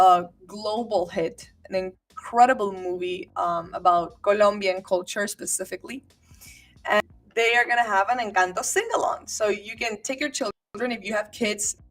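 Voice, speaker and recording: A woman's voice: mid-range voice, recorded from a distance. A woman from Venezuela hosting a casual, upbeat talk with lots of fillers and restarts. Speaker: host.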